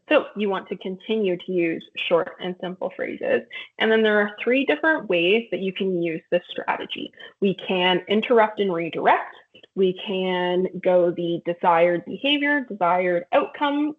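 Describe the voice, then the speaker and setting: A woman presenting an online parenting workshop, explaining steps patiently with frequent ums. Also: mid-range voice. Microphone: video call. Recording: tinny phone-like audio.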